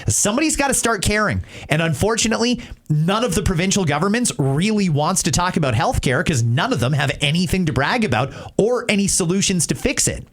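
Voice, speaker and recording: A man's high-sitting voice moves briskly with lively intonation as he hosts talk radio in a Canadian accent. His commentary answers listener messages, delivering emphatic, plainly stated opinions conversationally.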